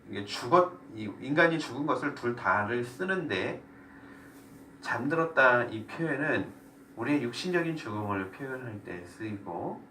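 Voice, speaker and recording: A man's voice: on the low side, pushed and bright. A man pastor leading a Bible study sermon, asking the group questions and explaining. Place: church room. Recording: echoey room, voice from a distance, faint noise.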